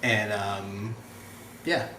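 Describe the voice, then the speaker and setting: A man's voice: lowish voice, fairly even intonation, very slow. A man being interviewed, talking in a casual, playful way and rambling with many restarts. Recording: echoey room with faint noise.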